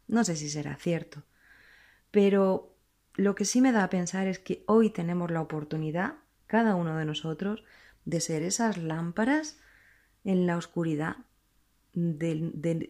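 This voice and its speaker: A woman delivers a sermon, earnest and reflective. Her voice sits low and has a gravelly, creaky edge. She pauses often and restarts her phrases as she thinks aloud. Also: dark tone. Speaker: preacher.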